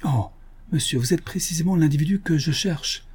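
A man's voice: mid-range voice, a little fast, mellow, slightly rough, voice pushed up. A man reading an audiobook, voicing a nervous, timid little man. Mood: anxious. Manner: anxious, pleading.

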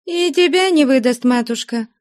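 A woman voicing a lively, headstrong young novice in a nunnery, eager and insistent. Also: high voice, moderate pace, voice pushed up, close to an everyday voice.

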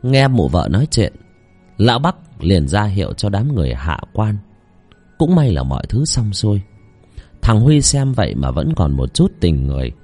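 A man telling a village horror story in a dramatic, expressive voice. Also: fairly low pitch.

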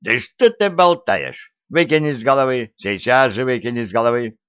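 A man voicing a grumpy, stubborn old grandfather who scolds and shouts threats, in an audiobook. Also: medium pitch, animated, normal speed, clear, resonant tone, dry recording, natural voice. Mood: scolding. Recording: dry, slightly dull audiobook recording.

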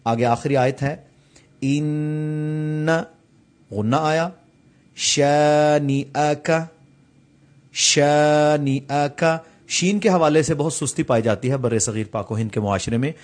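A man, teaching tajweed, who slowly draws out each recited word and patiently explains common mistakes between the phrases. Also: medium pitch. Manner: slow, drawn-out recitation of each word, repeated for practice.

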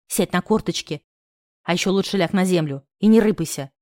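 A woman voicing a flamboyant, brash young man who is protective of his best friend, barking orders in a gruff voice. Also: fairly low pitch, a little fast, a little mellow, no room sound, studio quality, pitched below the performer's own voice, natural voice. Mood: commanding. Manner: gruff, barking orders, later fading weak whisper.

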